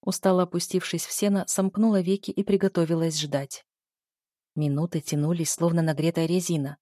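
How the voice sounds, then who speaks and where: A woman narrates a first-person story at a measured, even pace. Her voice sits low and mellow with a soft, dark color. It's recorded close and dry, with no room sound. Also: no room sound. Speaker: audiobook narrator.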